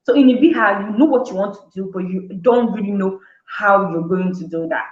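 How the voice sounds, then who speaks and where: A woman's voice: medium pitch, a little fast. A woman talk-show host explains her topic in a casual, chatty way, breaking into the amazed reactions of imagined listeners and often restarting words. Her voice sits in a middle range. The recording is roomy and slightly dull, as if made on modest equipment in an echoing space.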